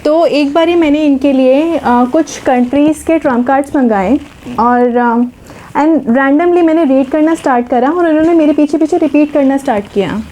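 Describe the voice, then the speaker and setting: A woman's voice: sits high, normal speed, warm tone, a little hiss or hum, poor audio. A woman in her thirties, a mother, explaining to a reporter with small hesitations. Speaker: mother of the interviewed children. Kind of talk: interview answers.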